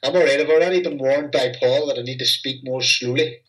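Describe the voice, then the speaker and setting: Bright-voiced man with a thick Belfast accent. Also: mid-range voice, a little fast, distant mic, rough recording. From Belfast, Northern Ireland. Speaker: guest stand-in on a podcast. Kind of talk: casual chat.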